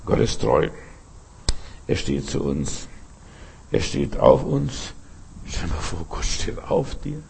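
A man preaching a sermon with fervor, breaking into loud shouted calls to his listeners. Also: mid-range voice, big pitch swings, slow, creaky, pauses often, slight background noise. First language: German. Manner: fervent, bursts into shouted calls.

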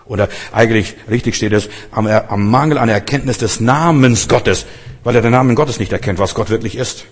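Man, preacher, husky voice, earnest sermon, long hall reverb. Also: mid-range voice, fairly quick. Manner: earnest, repeats phrases, addresses listeners directly.

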